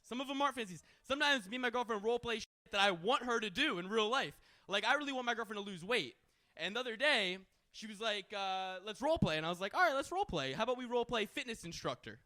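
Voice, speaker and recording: High, bright-voiced young man doing stand-up. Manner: crude, brash joking with the crowd. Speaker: stand-up comedian. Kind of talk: stand-up comedy set.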